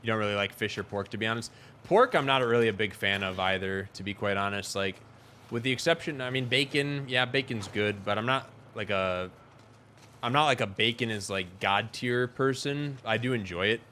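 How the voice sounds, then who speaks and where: A man's voice: lowish voice, moderate pace, sharp tone, a little hiss or hum. A young adult man from Wisconsin, chatting casually and rambling frankly to his viewers during a gaming livestream. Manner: rambling, frank, talks to chat.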